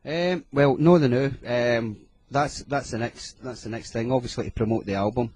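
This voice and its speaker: A man's voice: mid-range voice, normal speed, darkish tone, dry recording. A Scottish man guesting in a radio studio, chatting casually and rambling with lots of ums and restarts. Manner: rambling, hesitant, with many fillers and restarts. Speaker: music producer guest. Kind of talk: casual radio interview chat.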